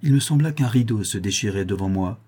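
A man narrating a literary novel as an audiobook in a measured, expressive reading. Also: on the low side, breathy edge.

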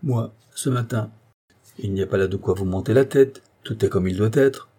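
A hard, impassive male mechanic gives short, defiant replies, as a man reading the story voices him. The tone is husky and dark. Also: fairly low pitch, moderate pace. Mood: coldly defiant. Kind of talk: audiobook character voice.

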